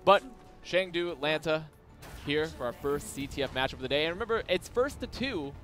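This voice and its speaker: A man commentating an esports match play-by-play, getting excited as the action builds. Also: a little high, brisk, faint music behind.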